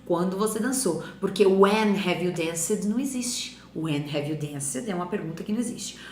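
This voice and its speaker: A Brazilian woman with a Brazilian Portuguese accent, an English teacher giving an animated, emphatic lesson and slowing down to model English phrases. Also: fairly low pitch, reverberant, a little hiss or hum. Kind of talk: lively classroom explanation.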